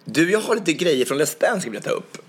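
A man with a husky, slightly breathy voice chats casually as a podcast co-host. He tells stories with animation, hopping up high when he acts out what other people said. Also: big pitch swings.

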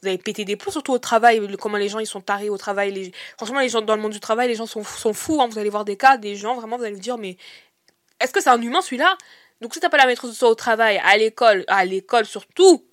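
A young woman hosting a podcast, giving casual, animated advice straight to her listeners. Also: mid-range voice, quick pace, few pauses, dry recording, clean studio sound. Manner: animated, chatty, addresses listeners as "les gars". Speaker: podcast host.

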